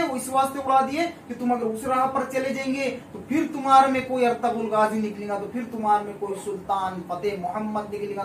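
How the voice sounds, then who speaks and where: A man's voice: very high voice, a little hiss or hum. A man, a faith healer, preaching a sermon in a scolding, admonishing manner. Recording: echoey room, voice far from the mic.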